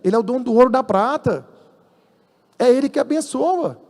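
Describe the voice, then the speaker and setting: A man's voice: extremely high pitch, animated, fairly quick, darkish tone, long reverb tail. A man with a Brazilian Portuguese accent preaching a sermon as a church elder, telling stories and acting out dialogue with emphasis.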